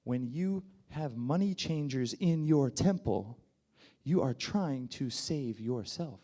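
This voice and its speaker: A man's voice: medium pitch, animated, takes it slowly, dark tone. A man preaching a sermon with emotion, building to fervent peaks and falling back to near whispers.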